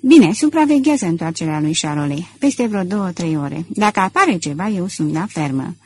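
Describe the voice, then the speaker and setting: Brief: earnest, brooding gentleman thief, read by a woman, husky timbre, storybook audiobook. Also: lowish voice, lively intonation. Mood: brisk. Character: gentleman thief, man, middle-aged, passionate and anxious.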